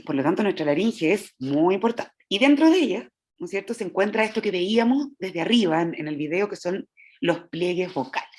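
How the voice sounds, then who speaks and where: A woman's voice: fairly low pitch, lively intonation, moderate pace, darkish tone, breathy edge. Woman lecturing on the voice. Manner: explanatory, checks in with "¿ya?"; demonstrates vocal sounds. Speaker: voice teacher. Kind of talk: lecture to teachers.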